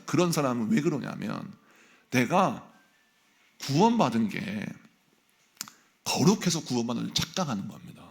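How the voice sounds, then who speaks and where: A male senior pastor delivers a sermon in a church sanctuary. His voice has a gravelly edge, and his pitch swings widely as he preaches. He drives his points home with repeated rhetorical questions to the people in front of him. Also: fairly bright tone. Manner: emphatic preaching with frequent rhetorical questions to the congregation.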